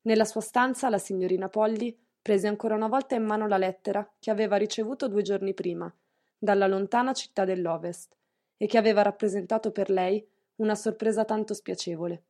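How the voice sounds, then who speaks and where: Reading an audiobook aloud from a script, a woman keeps her mid-range voice calm and evenly paced as she tells the story.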